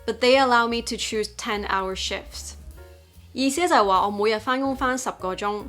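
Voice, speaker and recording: A young adult woman with a Hong Kong accent, an English-teaching YouTuber, narrates her vlog while switching between Cantonese and English. Her voice is fairly high and bright, at normal speed, over soft background music.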